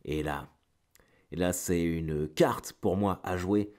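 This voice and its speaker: Stuffy-nosed from a cold, a middle-aged man with a fairly low, darkish voice takes it slowly on his solo weekly show. A stand-up comedian, he chats informally and slangily to listeners, wandering off on tangents, repeating himself and groping for words.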